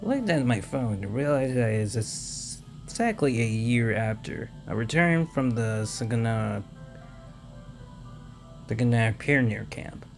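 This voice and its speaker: Slow, gravelly man reading a game. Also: mid-range voice, expressive, soft background music. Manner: halting reading, stumbles and restarts on words. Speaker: let's play host reading a visual novel. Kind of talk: reading game text aloud with casual commentary.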